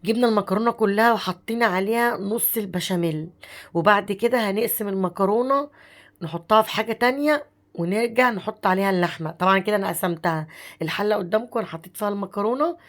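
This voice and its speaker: Egyptian woman, 30s, home cooking vlogger, hoarse from a cold, rapid affectionate chatter. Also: mid-range voice. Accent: Egyptian Arabic. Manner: chatty, affectionate, addresses viewers as sister. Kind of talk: casual cooking narration.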